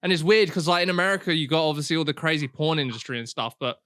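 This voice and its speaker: A man's voice: on the high side, bright, forceful tone, no echo, studio quality. A man co-hosting a crude comedy podcast, joking and laughing freely. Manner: bawdy, quick to laugh, jokey. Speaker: podcast co-host.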